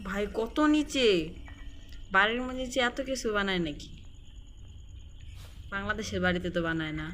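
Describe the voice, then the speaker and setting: A woman's voice: medium pitch, expressive, normal speed, fairly bright tone, slight background noise. A woman with a Bangladeshi accent giving casual, informal commentary as she plays a horror game for viewers. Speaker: gaming video host. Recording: music behind the voice. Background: eerie horror game music.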